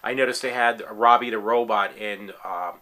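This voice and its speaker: In a self-recorded tryout video, a man in his forties talks casually from his room at home, rambling as an enthusiastic fan with many fillers and restarts. His voice is on the low side and sharp in tone, with fairly even intonation and normal speed.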